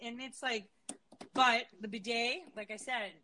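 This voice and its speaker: A woman's voice: fairly high pitch, steady tone, a little slow, pushed and bright, a little hiss or hum, poor audio. A young woman in casual chat, telling a story full of swearing and bursts of laughter.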